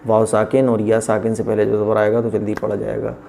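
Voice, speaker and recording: A man teaching Quran reading as a patient lesson. He repeats each point and drills letter sounds slowly, one at a time. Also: fairly low pitch, completely flat delivery, creaky, dark tone, a little hiss or hum. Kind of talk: patient classroom explanation with slow drilled recitation.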